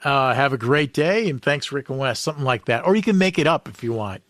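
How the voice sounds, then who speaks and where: A man's voice: mid-range voice, animated, a little fast, a bit bright, no echo. Enthusiastic man co-hosting a podcast. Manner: friendly, enthusiastic, laughs often. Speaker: podcast co-host. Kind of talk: casual podcast interview.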